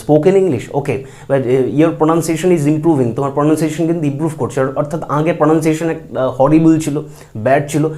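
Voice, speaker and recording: A man teaches English grammar in a relaxed, mellow voice that sits slightly high. He fills his explanations with hesitations and slows down to say each English example sentence carefully. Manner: speaks slowly and carefully when giving English example sentences, with many fillers. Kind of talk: explaining grammar in a video lesson.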